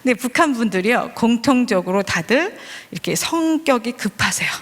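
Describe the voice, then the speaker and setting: A woman's voice: fairly high pitch, animated, a little fast. A woman in her forties preaching a sermon, telling stories with humor and joking with her congregation. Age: 40s. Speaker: preacher, vice principal. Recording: long hall reverb.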